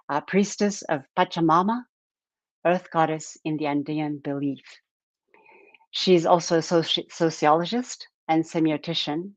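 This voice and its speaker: A woman from Japan hosting a live-stream talk, speaking in an unhurried way with many fillers and repeated words. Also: fairly low pitch, no room sound. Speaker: live stream podcast host. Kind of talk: slow casual live-stream introduction. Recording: dull lo-fi dry sound.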